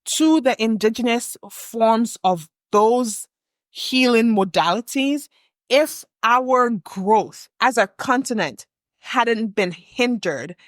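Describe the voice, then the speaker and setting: Her voice is fairly high and slow, recorded as clean studio sound without any echo. She is a young adult from West Africa co-hosting a thoughtful podcast conversation. Her ideas unfold in long, sincere runs.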